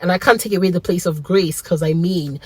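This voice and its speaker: Excitable woman telling a story. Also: lowish voice, a little fast, breathy edge, dry recording. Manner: animated, excitable, laughs often. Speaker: vlogger. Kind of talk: casual storytelling vlog.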